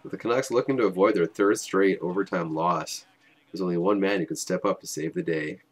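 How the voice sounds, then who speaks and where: Young guy doing goofy hockey highlight commentary, lowish voice, sarcastic and jokey. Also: brisk. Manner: wry, joking, self-mocking. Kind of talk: casual play-by-play voice-over.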